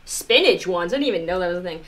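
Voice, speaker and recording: Quick-paced and animated, a woman with a low-sitting voice chats with her live stream viewers. The music producer rambles informally, dropping "like" constantly and swearing mildly at times.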